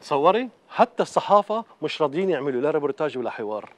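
An actor playing a calm, persuasive talent manager. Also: male voice, on the high side, very fast. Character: talent manager reasoning with a singer.

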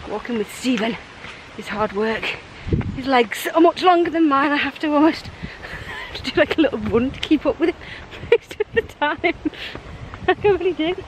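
Walking outdoors along countryside footpaths, a thirty-something vlogger holds a camera at arm's length and chats with giggles in a casual way. She sounds high-pitched and animated at a normal speed, with background noise in the recording.

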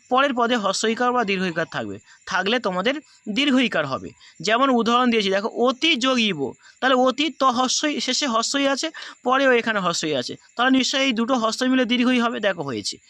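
Male teacher with a Bengali accent, very high and bright voice, patient step-by-step explainer. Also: animated, fast talker, dry recording. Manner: patient, repeats each rule step by step. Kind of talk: grammar lesson explaining rules to students.

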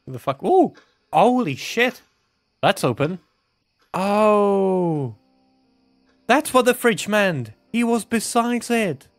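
Lively, swearing man playing a horror game. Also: sits high, no echo. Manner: animated, swears a lot, playful. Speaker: gaming channel host. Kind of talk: let's play commentary.

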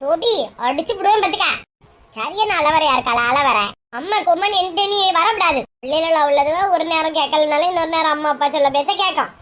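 A woman with a Kanyakumari Tamil accent playing a stubborn, quarrelsome village mother who scolds in rapid bursts. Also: extremely high pitch, a bit bright, voice pushed down. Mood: scolding.

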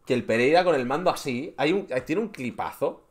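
Lively young man. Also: fairly high pitch, fairly quick. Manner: casual, swearing, restarts often. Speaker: streamer voting in awards. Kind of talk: casual reaction commentary.

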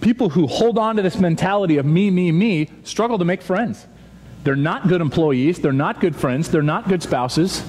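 A man in his thirties giving an animated chapel talk to students on a stage, telling stories and acting out quoted voices. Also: high voice, normal speed. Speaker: youth chapel speaker. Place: large dark auditorium with stage. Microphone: stage microphone, seen from far back. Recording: reverberant hall, faint audience noise.

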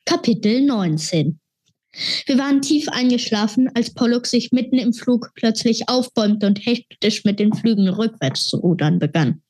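A woman reading a children's fantasy novel aloud in a steady, expressive storytelling manner. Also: mid-range voice. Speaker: reader.

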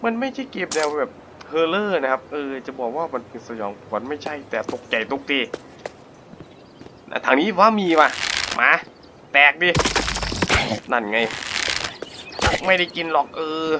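Excitable man narrating his gameplay. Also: on the high side, unhurried, pauses often, background noise. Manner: excitable, jumpy, talks to himself while playing. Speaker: gaming channel host. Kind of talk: casual let's-play commentary.

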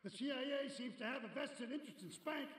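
A man's voice: extremely high pitch, fast talker, fairly bright tone. A man voicing a paranoid corrupt male cop on the run, tense and urgent, swearing as he talks. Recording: distant, echoey game audio.

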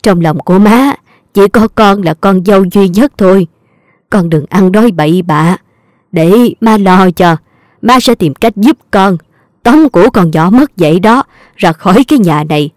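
A woman's voice: mid-range voice, measured pace, darkish tone, no room sound, clean studio sound, close to an everyday voice. A woman with a Southern Vietnamese accent voicing a doting older mother-in-law who coaxes and fusses. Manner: doting, coaxing.

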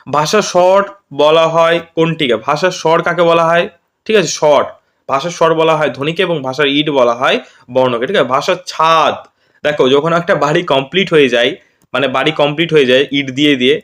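A man's voice: a little high, a bit bright. A male teacher from West Bengal giving an exam-prep grammar lesson, constantly checking with "right?" after each point. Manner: repeats "ঠিক আছে?" after each point, quizzing students.

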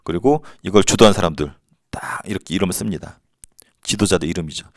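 A man's voice: low-pitched, fast, dry recording, clean studio sound. A man teaching a history lesson to students in a casual, slangy and playful way. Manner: slangy, playful, acts out quotes.

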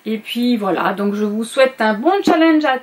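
A woman's voice: on the high side, expressive, normal speed. A woman book vlogger in a casual chat to camera, going through her reading list and often hesitating and correcting herself.

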